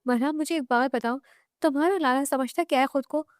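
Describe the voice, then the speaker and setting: A woman reading aloud as a headstrong, innocent young wife in a romance audiobook, indignant and complaining. The voice is high and sits dry and close to the mic. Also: a little fast, dry recording, lightly acted.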